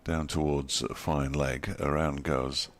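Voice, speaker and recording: A man giving dry, wry ball-by-ball cricket commentary in a relaxed, chatty way. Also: rumbling low, slow pace. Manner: dry, wry and chatty, chuckles at his own jokes. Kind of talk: ball-by-ball radio-style commentary.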